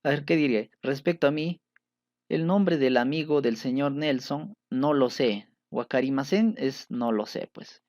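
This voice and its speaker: Hombre paciente explicando gramática japonesa. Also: male voice, mid-range voice, unhurried, darkish tone, dry recording, muffled recording. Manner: patient, checks understanding with frequent "¿sí?". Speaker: Japanese language teacher. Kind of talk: explanatory lesson.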